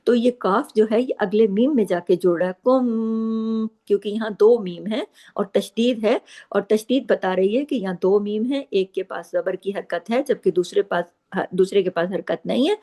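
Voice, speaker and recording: A woman's voice: mid-range voice, warm tone. Patient woman teaching Quran recitation. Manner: patient, explanatory, recites words slowly and drawn out. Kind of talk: tajweed lesson, explaining and reciting.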